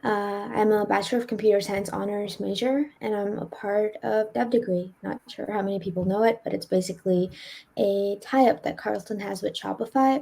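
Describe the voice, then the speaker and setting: A young woman from India speaks as a student panelist, her voice husky with a gravelly edge. She talks quickly and casually, leaning on fillers. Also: mid-range voice, mellow. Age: young adult.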